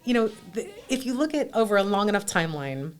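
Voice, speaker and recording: A woman in her forties, a restaurant owner guesting on a podcast, talking in an animated, candid, self-deprecating way with frequent restarts. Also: medium pitch, fast talker, soft background music. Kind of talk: conversational interview.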